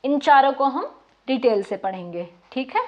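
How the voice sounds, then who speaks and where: A woman teacher giving a slow, dictation-style lesson, repeating each word for note-taking and asking her pupils questions. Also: high voice, expressive. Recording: muffled lo-fi recording.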